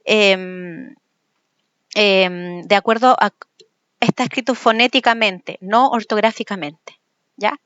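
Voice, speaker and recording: A woman teacher gives a recorded lecture, explaining patiently and slowly repeating example words. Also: on the high side, a bit bright, no echo, lo-fi sound. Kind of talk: recorded lecture on speech sounds.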